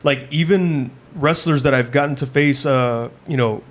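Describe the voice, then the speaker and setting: A man's voice: medium pitch, moderate pace. A man who wrestles and coaches, talking bluntly and intensely in a casual interview, often restarting his sentences.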